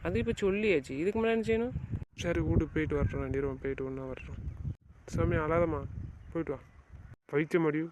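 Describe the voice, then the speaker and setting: A man's voice: on the high side, fast talker, long pauses, close to an everyday voice. An actor playing a domineering family head who scolds and lectures his household with a stream of rhetorical questions. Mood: scolding. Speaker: stern family elder. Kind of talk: village family drama acting. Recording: outdoor noise, rural background.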